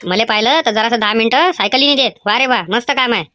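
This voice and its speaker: Cartoon lead: woman voicing a sulky, cheeky village son, high, sharp tone. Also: fast, dry recording, studio quality. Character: cheeky grumbling village young man, a son. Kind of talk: cartoon voice acting.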